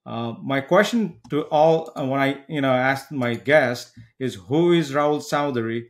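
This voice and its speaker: Man hosting a podcast. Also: medium pitch. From Nepal. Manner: earnest, halting with many fillers. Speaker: podcast host. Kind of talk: interview podcast.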